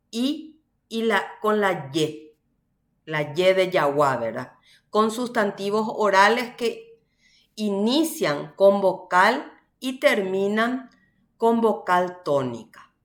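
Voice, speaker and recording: A woman teacher from Paraguay giving a university language class, explaining slowly and often checking with "¿verdad?". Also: medium pitch, expressive, echoey room. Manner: slow, explanatory, frequent "¿verdad?" tags. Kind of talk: online class lecture.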